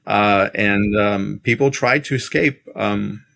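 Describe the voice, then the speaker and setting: As a guest on a podcast, a middle-aged man from Siberia reflects haltingly and conversationally on his life, his Russian accent clear. He speaks on the low side with vocal fry and a somewhat bright quality.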